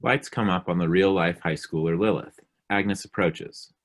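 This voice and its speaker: A man's voice: sits low, normal speed. A man reading a play's stage directions as scripted narration.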